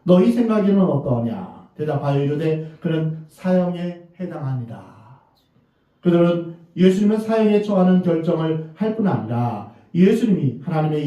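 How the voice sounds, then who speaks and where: A male pastor delivers an earnest sermon and poses rhetorical questions to the congregation. His voice sits a little high but sounds mellow and dark. It is picked up from a distance in a big, echoing sanctuary. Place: church sanctuary. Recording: very echoey, distant, dull church recording.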